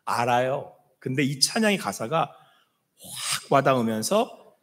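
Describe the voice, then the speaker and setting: A middle-aged male senior pastor preaching a sermon with passion, now and then sinking to soft, hushed words. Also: high voice, sing-song, normal speed. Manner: impassioned preaching, dropping to soft hushed quotes of God. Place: church sanctuary. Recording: long church-hall reverb.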